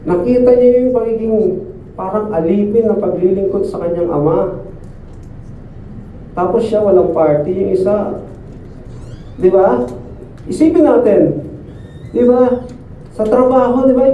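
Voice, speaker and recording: High-voiced man preaching in an echoey church. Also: a little hiss or hum. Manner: conversational, often asks listeners "di ba?". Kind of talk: sermon. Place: church service. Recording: echoey distant phone-like sound.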